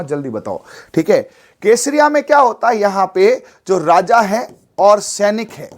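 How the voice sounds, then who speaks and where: A male exam-coaching teacher with a high voice lectures in a lively, animated way. He keeps turning to his listeners with questions and slips English words into his talk. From Rajasthan. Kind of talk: classroom lecture.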